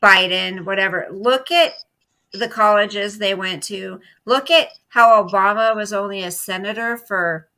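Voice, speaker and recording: A woman's voice: medium pitch, a little slow, pushed and bright, low-quality recording. A middle-aged woman co-hosting a casual political chat at home, talking in an emphatic, indignant way and repeating her points. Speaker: co-host. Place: at home, live stream.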